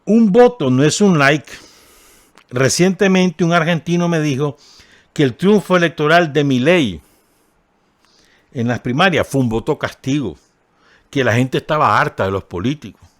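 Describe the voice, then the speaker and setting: A man's voice: on the high side, lively intonation, moderate pace, long pauses, no echo, studio quality. Nicaraguan man commenting on radio. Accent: Nicaraguan Spanish. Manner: conversational, asks listeners for agreement, ironic asides. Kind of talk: spoken commentary reading and discussing a column. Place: radio studio.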